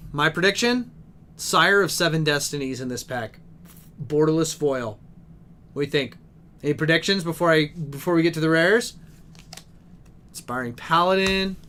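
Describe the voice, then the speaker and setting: A young man with a slightly high voice streams pack openings from a game store, reading each card name aloud and talking to his viewers. He gets excited easily, and his desk mic picks up a faint hum of store ambience. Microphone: desk microphone.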